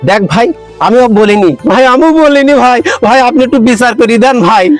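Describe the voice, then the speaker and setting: A man's voice: extremely high pitch, brisk, faint music behind. An actor playing a fussy, bumbling male village matchmaker, pleading and repeating himself in a rural comedy skit. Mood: exasperated shouting. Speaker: comic actor.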